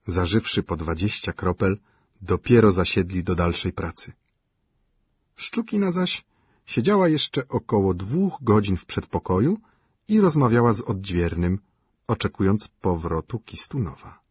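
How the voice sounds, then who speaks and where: Brief: male storyteller, husky tone, animated pitch, dry close recording. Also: no echo. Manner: expressive storytelling. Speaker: narrator. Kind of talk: audiobook reading of a classic story.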